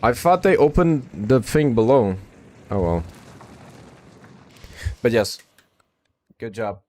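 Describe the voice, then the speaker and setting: A Czech man with a Czech accent chats casually with viewers on a live game stream, reading their messages aloud and mumbling short asides. He is relaxed, repeats short phrases, and speaks slowly in a mid-range voice.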